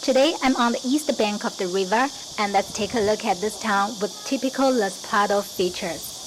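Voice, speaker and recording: A woman from China narrating a travel vlog, explaining history and pronunciation in a steady teaching manner. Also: medium pitch, moderate pace, noisy background. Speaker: travel vlogger. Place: outdoors in a riverside town.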